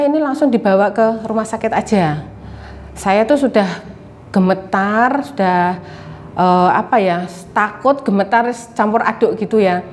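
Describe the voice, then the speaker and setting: A woman's voice: mid-range voice, darkish tone, a little hiss or hum. Hesitant woman giving church testimony. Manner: hesitant, halting storytelling with many fillers. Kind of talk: personal testimony. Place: church service.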